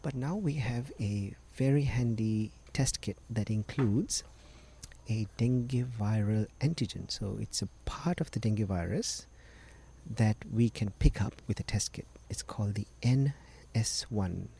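A man's voice: fairly low pitch, a little slow, vocal fry, mellow, husky. A middle-aged man from Sri Lanka, a doctor patiently explaining medical matters as a guest on a podcast interview.

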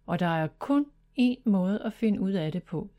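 A woman's voice: mid-range voice, lively intonation, dark tone, natural voice. A woman voicing a bold, decisive older sister in a children's storybook, speaking firmly. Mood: determined.

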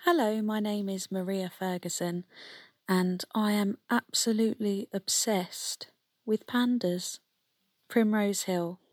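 A woman's voice: medium pitch, fairly even intonation, takes it slowly, dry recording, studio quality. A woman reading her own narrative poem. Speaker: poet. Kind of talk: poetry reading.

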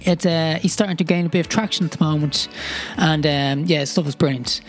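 A man's voice: a little high, fairly even intonation, fairly quick, soft background music. An Irish man giving a casual, unpolished podcast introduction as host, crammed into a wardrobe used as a makeshift sound booth.

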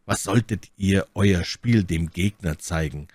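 A man reading an audiobook and voicing a grave musketeer who speaks with terrible calm and measured weight. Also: deep voice, no room sound.

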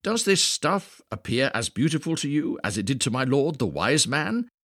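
A man voicing two sly swindler weavers in a storybook reading, talking in a smooth, fawning way. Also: mid-range voice, sing-song, normal speed, a bit bright, no echo, studio quality, pitched above the performer's own voice.

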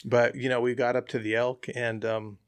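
A man telling a hunting story as an interview guest, relaxed and chatty with frequent fillers. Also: mid-range voice, normal speed, no room sound. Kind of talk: casual storytelling.

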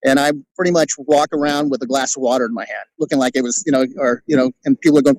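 Fast-talking middle-aged man, rambling stories. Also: mid-range voice, a little mellow, no echo, rough recording. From California. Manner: rambling, lots of "you know", acts out quotes. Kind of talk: casual storytelling interview.

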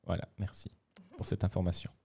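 A man's voice: low voice, flat delivery, a little fast, gravelly, mellow, slightly rough. A man hosting a casual chat, teasing and laughing often. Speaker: podcast host.

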